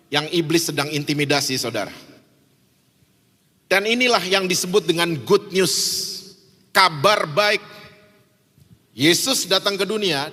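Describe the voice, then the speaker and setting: A middle-aged pastor from Indonesia preaching a sermon, telling stories with animated delivery and acting out the voices of the people in them. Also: male voice, on the high side, long reverb tail. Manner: animated storytelling, acts out quoted voices.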